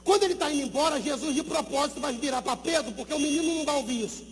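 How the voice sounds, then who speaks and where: High-voiced preaching Brazilian pastor, booming hall. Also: male voice, rapid-fire, a little hiss or hum. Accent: Brazilian Portuguese. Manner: emphatic preaching, repeats numbers, urges listeners to shout. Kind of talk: sermon at a youth event. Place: large gymnasium. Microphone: handheld microphone. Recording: long gymnasium reverb.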